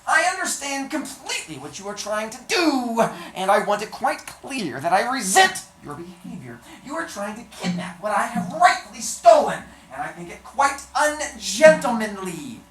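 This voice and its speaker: A woman voicing a small, scheming hunchbacked male villain in a storybook reading, loud, indignant and boastful. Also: fairly high pitch, big pitch swings, normal speed, hardly any pauses, slight background noise, voice pushed up. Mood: haughty. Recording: echoey room.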